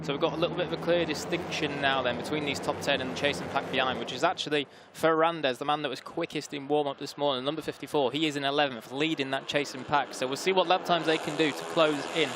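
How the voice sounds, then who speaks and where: Higher-voiced male motorsport commentator. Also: fairly even intonation, fast talker, few pauses, noisy background. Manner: motorsport commentator delivery, running description of the action. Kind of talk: live motorcycle race commentary.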